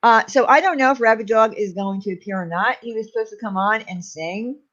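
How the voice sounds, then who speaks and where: A woman's voice: a little high, a little fast, a bit bright. A woman hosting a casual livestream chat, laughing often as she talks with her co-host and reads viewer comments. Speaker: channel host. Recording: dull lo-fi sound.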